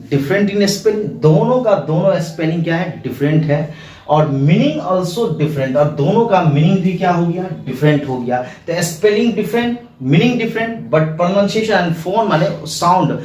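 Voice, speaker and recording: A man's voice: on the high side, distant mic. A male English teacher explaining grammar in Hindi, asking his own questions and then answering them. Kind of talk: classroom grammar lesson. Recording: echoey room, voice a bit off-mic.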